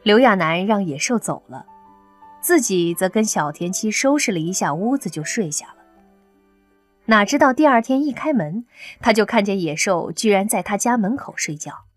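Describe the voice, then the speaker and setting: A woman reading an audiobook novel as narrator, in an animated storytelling way. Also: mid-range voice, moderate pace, soft background music. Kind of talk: scripted narration.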